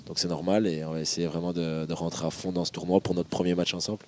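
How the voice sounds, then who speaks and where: A man's voice: sits low, flat delivery, quick pace, a little mellow. A man, a tennis coach answering interview questions thoughtfully, often repeating words as he searches for them.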